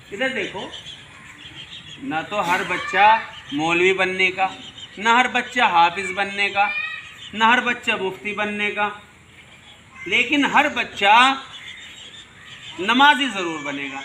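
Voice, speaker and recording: A man's voice: sits high, pauses often, background noise. A man teaching a class of children, asking questions, repeating answers and calling on pupils who drift off. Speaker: religious teacher.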